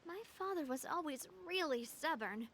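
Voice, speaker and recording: This is an actress portraying a confident heiress at the head of her family group, which she took over from her late father, chatting frankly in a game cutscene. Her high, animated voice is a bit bright and moderately paced, and the audio has faint music plus a little hiss or hum.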